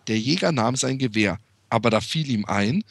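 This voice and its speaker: A man's voice: mid-range voice, expressive, moderate pace, vocal fry, no room sound. A young man reading a fairy tale aloud and interrupting with sarcastic, crude asides.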